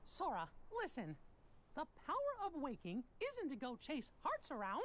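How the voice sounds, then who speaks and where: A man voicing a small, caring, worried cartoon mouse king in a squeaky falsetto for a video game cutscene. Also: wildly swooping pitch, normal speed, a bit bright, exaggerated voice. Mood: worried, pleading.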